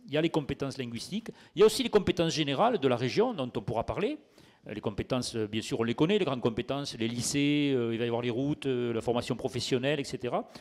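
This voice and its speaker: A man introducing a public debate in semi-improvised oratory, with rhetorical questions and repeated words as he searches. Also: mid-range voice. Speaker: debate moderator, lawyer.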